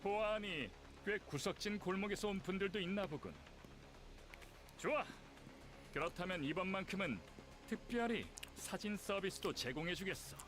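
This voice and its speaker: Bright, high-voiced, boastful game hero. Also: male voice, animated, racing, faint music behind. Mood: smug. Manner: theatrical, self-important. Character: grandiose, jovial celebrity hero from a game. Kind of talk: game character acting.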